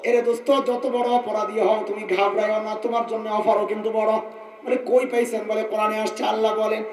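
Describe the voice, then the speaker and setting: An animated Bangladeshi preacher with a very high male voice delivers an Islamic sermon in colloquial Bangladeshi Bengali at a mosque or large gathering. He chants Arabic verses in a drawn-out sing-song, asks the crowd questions, and jokes with them. The echoey recording comes from a distant mic, with faint noise.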